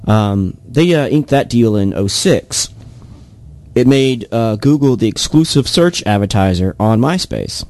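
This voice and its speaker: A man's voice: fairly low pitch, lively intonation, a little slow, darkish tone. A young man co-hosting a casual tech news chat, talking in a dry, hesitant way with many "uh"s. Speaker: podcast co-host.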